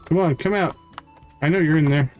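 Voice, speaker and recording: A live game streamer and host gives casual commentary, thinking aloud and talking himself through each task step by step. His voice is on the high side and fairly quick, with soft background music playing.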